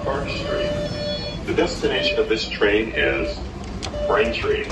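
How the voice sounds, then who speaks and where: A man's recorded voice giving automated station announcements aboard a subway train, slow and even. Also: distant mic. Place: inside a moving subway train. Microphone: phone filming in the carriage, far from the speaker. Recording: echoey train car, heard from afar over loud rumble. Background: loud train rumble.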